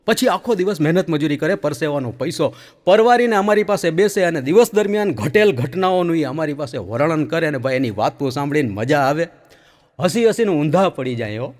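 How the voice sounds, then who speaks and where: Lively male comic telling a joke story. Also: on the high side, brisk. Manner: animated, laughing, acts out the story. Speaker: comedian. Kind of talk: stand-up storytelling.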